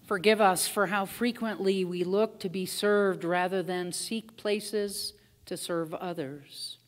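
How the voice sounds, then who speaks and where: A woman pastor leading liturgical prayers in a slow, measured way, heard with a cathedral-like church echo. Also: mid-range voice, fairly even intonation. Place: church sanctuary. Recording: long church-hall reverb.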